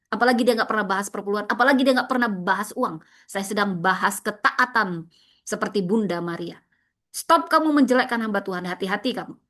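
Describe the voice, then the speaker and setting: A woman's voice: a little high, fairly bright tone. A woman pastor, preaching a sermon in an impassioned, scolding way full of rhetorical questions.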